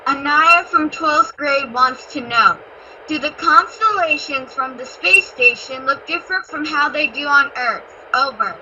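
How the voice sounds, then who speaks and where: A woman's voice: high voice, lively intonation, measured pace, pushed and bright. A female voice reading out prepared questions over an amateur radio link. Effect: amateur radio transmission. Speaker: relayer of pupils' questions. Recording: dull, lo-fi radio audio with faint static.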